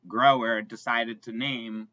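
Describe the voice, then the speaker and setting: A man's voice: mid-range voice, level tone, takes it slowly, pushed and bright, highs cut off. A man co-hosting a podcast in casual chat, rambling with lots of fillers and restarts. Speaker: podcast co-host.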